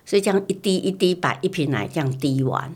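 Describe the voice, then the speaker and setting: Speaking quickly with a breathy edge and a voice on the low side, a middle-aged mother chats casually about when her child was a baby. She tells it animatedly, repeating words and playing back her own past lines.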